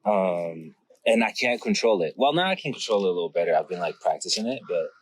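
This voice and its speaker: A man's voice: deep voice, expressive, fast talker, a little hiss or hum. A French-born man, French as his first language, chatting casually as a guest comedian in a laid-back, giggly way and swearing freely. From France. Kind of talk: casual podcast chat.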